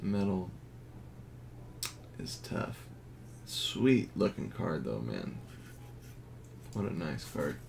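Male collector, low-key and unhurried, casual unboxing talk over a noisy background. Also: vocal fry. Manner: slow, low-key commentary, grades read in a flat list. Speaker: card collector. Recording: audible background noise.

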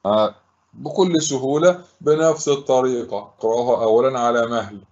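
A man's voice: mid-range voice, darkish tone, muffled recording. A male teacher giving a lesson, sounding words out syllable by syllable and asking his pupils questions. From Egypt. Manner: slow, syllable-by-syllable explanation, asks pupils questions. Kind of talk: classroom lesson.

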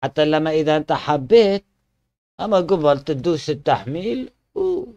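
A man's voice: a little high, very animated, normal speed, vocal fry, a little mellow, no echo, lo-fi sound. A man with an Iraqi Arabic accent giving casual game tutorial commentary, chatty and fond with viewers, often restarting his words. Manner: chatty, addresses viewers fondly, frequent restarts. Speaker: gaming channel host showing a truck mod.

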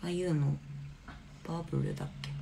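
A woman hosting a casual live stream from her home on a phone, chatting in a relaxed way and answering viewers' comments. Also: lowish voice, moderate pace, vocal fry, slight background noise. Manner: chatty and relaxed, often laughing softly.

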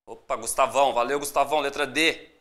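A teacher with a Brazilian accent giving a live online exam-prep lesson. Upbeat and encouraging, greets viewers by name and spells out syllables slowly. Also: mid-range voice, fairly even intonation, fairly bright tone. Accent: Brazilian Portuguese.

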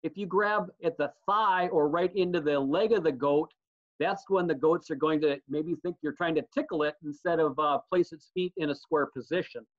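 A man's voice: on the high side, moderate pace. Man teaching over a dull webcam line. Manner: relaxed, practical advice with many ums. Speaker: extension instructor. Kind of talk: online slideshow lesson. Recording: dull lo-fi audio.

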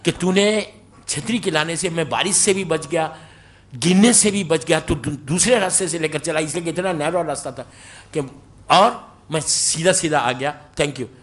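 A man voicing a pious husband who thanks his helper warmly. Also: on the high side, voice pushed down, close to an everyday voice. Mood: grateful. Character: grateful pious young husband.

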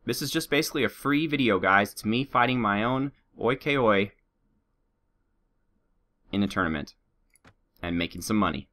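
With a fairly low pitch, normal speed and long pauses, a let's play host jokes through his gameplay. His slightly sick voice carries a hint of nasal sound and a sore throat. He's energetic and playful, speaking to his troops and to the people watching.

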